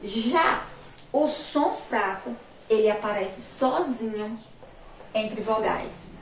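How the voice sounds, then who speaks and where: Slow, emphatic woman teacher in echoey room. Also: on the high side, animated. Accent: Brazilian Portuguese, Sergipe. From Brazil. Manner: slow, emphatic, repeats sounds and words for children. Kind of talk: remote school phonics lesson. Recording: echoey room, distant mic, faint noise.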